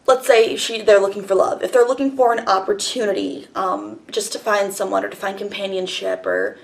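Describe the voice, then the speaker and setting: A woman's voice: medium pitch, lively intonation, fairly quick, vocal fry. A woman hosting a casual monologue vlog, a little out of breath after a workout, talking frankly and firmly with rambling asides. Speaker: host.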